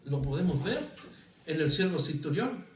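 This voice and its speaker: A man preaches with a high voice, talking with his congregation in an easy, questioning way. His voice rings through an echoey church room, with faint ambience underneath. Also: big pitch swings, moderate pace, far from the mic, a little hiss or hum. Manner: conversational preaching, asks the congregation questions, frequent restarts. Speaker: pastor. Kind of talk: sermon. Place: church hall.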